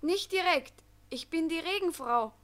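A brisk, knowing Rain Woman fires off her questions in a children's storybook, as a woman puts her on. The voice is high and lively, with short, clipped phrasing. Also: heavily acted.

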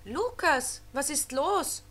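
A woman voicing fussy, know-it-all grown-up angels in a storybook reading, brisk and lecturing. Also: high voice, animated, a bit bright, voice pushed up, exaggerated voice. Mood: encouraging.

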